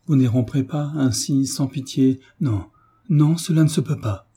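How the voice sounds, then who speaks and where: A man's voice: mid-range voice, moderate pace, warm tone, breathy edge. A man voicing a pleading young mother. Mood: desperate. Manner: imploring, breathless supplication.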